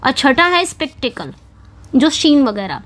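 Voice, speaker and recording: A woman's voice: high voice, very animated, a little slow, fairly bright tone. A woman teaching an English exam-prep lesson, explaining step by step with frequent check-ins to her students. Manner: explains step by step, checks in with "ठीक है" and "समझ में आ गया".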